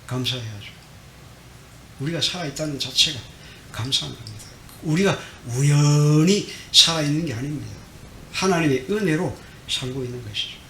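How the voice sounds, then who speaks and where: A middle-aged male pastor giving a Sunday sermon, swinging between quiet and loud and asking the congregation questions. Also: animated, normal speed. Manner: dramatic swings in loudness, acting out the prophet's complaints. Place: church sanctuary. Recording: echoey church hall with faint rumble.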